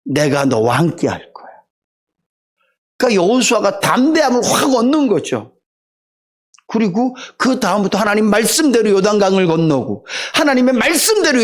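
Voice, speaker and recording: A middle-aged male pastor giving a Sunday sermon, telling the story with lively rhetorical questions to the congregation. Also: sits high.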